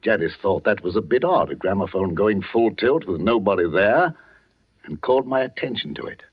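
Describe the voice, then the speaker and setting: An earnest village vicar speaks with gentle authority, his voice rising and falling in lively turns. The sound is a dull, lo-fi 1940s radio play broadcast. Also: fairly low pitch, moderate pace, husky. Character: village vicar, worried father.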